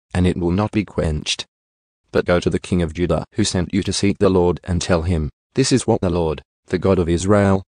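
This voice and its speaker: A man giving a steady, measured scripture reading into a close studio mic. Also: low voice, dry recording. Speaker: Bible reader.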